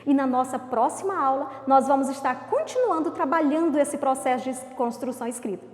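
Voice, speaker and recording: A woman with a Brazilian accent, teaching a remote class to young children in a slow, sing-song way, stretching out syllables. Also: high-pitched, lively intonation, darkish tone. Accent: Brazilian Portuguese. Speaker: primary school teacher. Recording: echoey room with long reverb.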